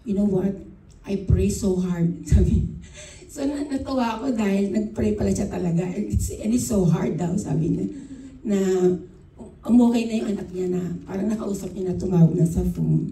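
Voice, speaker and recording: Filipino woman, dark voice, echoey room. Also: medium pitch, vocal fry. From Philippines. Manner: mixes Tagalog and English, unhurried with frequent restarts. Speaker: church member giving a devotion. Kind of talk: devotional talk with a personal story. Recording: echoey room, speaker far from the mic.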